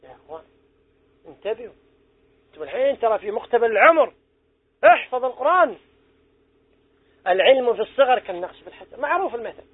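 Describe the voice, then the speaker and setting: A man's voice: extremely high pitch, sing-song, fast, pauses often, breathy edge, dry recording. A middle-aged man, giving a religious lesson to young people in an earnest, exhorting way and putting questions to his listeners. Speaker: preacher teaching young people. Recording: tinny phone-like recording.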